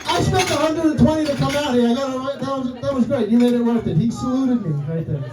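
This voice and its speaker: A brash stand-up comedian from New York City performs a profane set on a comedy club stage, speaking fast in a high male voice and repeatedly asking the crowd "right?" and calling them "guys." The sound is roomy and distant, with a noisy background and audience laughter.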